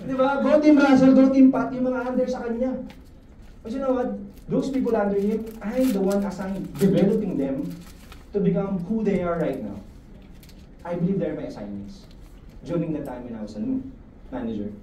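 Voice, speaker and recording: A man giving a lively, joking motivational talk to his insurance sales team, often asking the room questions. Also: high-pitched, moderate pace, pauses often. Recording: echoey room, mic at a distance, faint noise.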